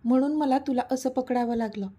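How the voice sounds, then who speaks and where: A woman's voice: high voice, fairly even intonation, brisk, warm tone, slightly rough. A woman voicing a stubborn young man who teases and insists, in a storybook reading. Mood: teasing insistent. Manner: teasing, insistent.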